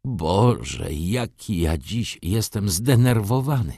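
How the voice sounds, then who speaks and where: A man's voice: fairly low pitch, expressive, slow, creaky, warm tone, dry recording, clean studio sound, exaggerated voice. A man voicing an agitated, tearful elderly nobleman father in an audiobook reading. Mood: plaintive. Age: older. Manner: emotional, exclaiming, breaking into tears.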